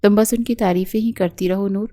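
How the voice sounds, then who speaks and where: A woman voicing an anxious, lovesick young wife with a soft, pleading way of speaking. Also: medium pitch, fairly even intonation, close to an everyday voice. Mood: upset.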